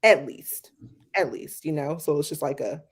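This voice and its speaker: A woman's voice: low-pitched, expressive, normal speed, slightly rough. A woman co-hosting a show review podcast, chatting casually and filling her talk with "like" and "um". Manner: chatty, many fillers like "like" and "um". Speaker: podcast co-host. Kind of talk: casual chat.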